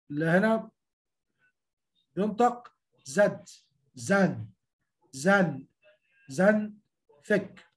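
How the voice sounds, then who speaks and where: A university lecturer with a high, slightly mellow voice and an Egyptian Arabic accent teaches medical terminology. He is repetitive, drills pronunciation syllable by syllable, and frequently calls out to the whole class.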